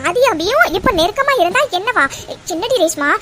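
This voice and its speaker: A woman's voice: very high-pitched, expressive, brisk, over music. A woman voicing a scheming, fretful mother in a cartoon, who talks in an agitated, scolding way. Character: scheming, fretful mother plotting against her daughter-in-law. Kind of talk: cartoon voice acting.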